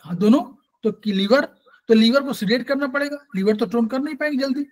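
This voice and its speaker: A man with a strikingly high voice leads an acupressure lesson, answering students and going over points again and again. He slips English technical terms into his speech. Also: fairly quick, darkish tone, rough recording. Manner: explains in plain terms, repeats points, Hindi mixed with English terms. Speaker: acupressure teacher. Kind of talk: classroom Q&A on acupressure.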